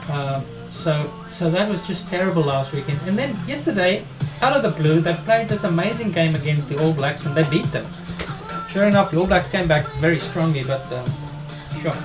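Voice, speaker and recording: A middle-aged chess player and streamer with a South African accent, linked to both South Africa and Australia, casually commentates his own game live, thinking aloud in a matey, informal way. His voice is on the high side and the recording is rough.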